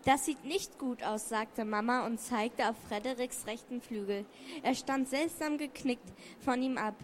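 A woman's voice: fairly high pitch, measured pace, a little hiss or hum. A woman reading a children's story aloud, taking turns with another reader.

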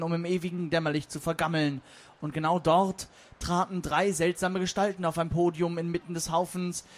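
A young man with a fairly high voice performs a comic spoken-word piece. He tells the story in a lively, theatrical way, with pointed pauses and quick turns. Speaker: poetry slam performer.

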